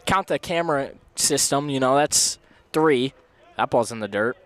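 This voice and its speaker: A man calling live college baseball play-by-play from a ballpark press box, fast with his calls and quick to laugh. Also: mid-range voice, animated, clear, resonant tone. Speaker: play-by-play commentator.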